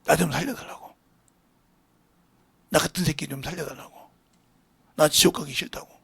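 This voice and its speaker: A middle-aged man preaching a sermon as pastor, retelling conversations fervently and swinging between raised passages and hushed whispers. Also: on the high side, fairly even intonation, normal speed, vocal fry, husky, no room sound. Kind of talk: sermon with retold dialogue. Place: church sanctuary.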